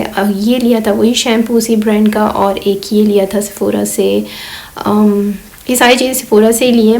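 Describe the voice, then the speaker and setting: A woman in her thirties from Pakistan, talking slowly through a casual vlog voice-over while hoarse and weak from illness, with many fillers. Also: mid-range voice, a little mellow, rough recording. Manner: slow, rambling, many fillers. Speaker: vlogger.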